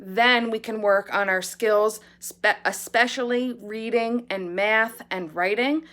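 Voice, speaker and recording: In a morning announcement video, a woman acting as school principal gives an earnest, upbeat address to pupils and their parents. Her voice is on the high side and a bit bright, and she speaks slowly.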